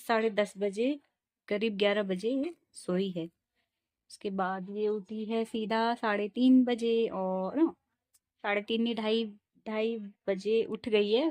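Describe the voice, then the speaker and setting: In a casual home vlog, a young mother talks to her viewers about her baby's nights, now and then coaxing the child in a soothing sing-song coo. Her mid-range voice is slow, and the studio-quality recording has no echo.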